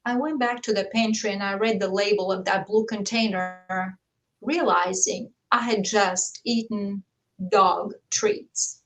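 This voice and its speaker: A woman's voice: medium pitch, a little slow, recorded from a distance, poor audio. A woman in her fifties from Bulgaria, telling her personal story earnestly as a talk-show guest over a video call. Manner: earnest, steady and heartfelt. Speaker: guest author.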